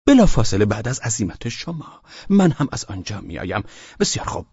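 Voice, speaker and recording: A man voicing a bold, arrogant young man of about nineteen who speaks in a measured, haughty way in an audiobook. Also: fairly low pitch, sing-song, vocal fry, a little mellow, husky, no room sound, muffled recording, pitched above the performer's own voice, exaggerated voice. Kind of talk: audiobook character voice.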